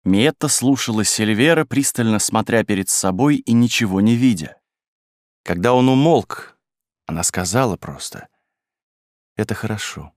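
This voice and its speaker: In a lowish voice, a man narrates an audiobook of a classic novel with steady, measured delivery. The studio-quality recording has no echo.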